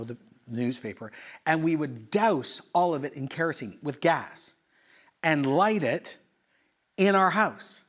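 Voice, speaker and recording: A middle-aged male pastor from Canada, preaching in an animated, conversational way with rhetorical questions and quick asides. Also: fairly high pitch. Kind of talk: sermon.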